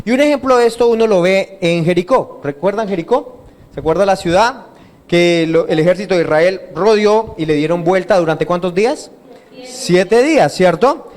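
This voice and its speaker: A male pastor preaching an interactive sermon, asking his congregation questions and having them call out and repeat the answers. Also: high voice. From Colombia. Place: church hall.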